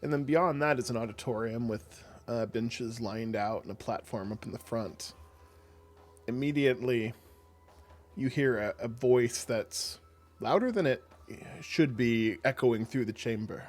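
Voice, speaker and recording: A man's voice: medium pitch, a little slow. Casual man narrating as game master. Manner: casual, hedging narration with fillers.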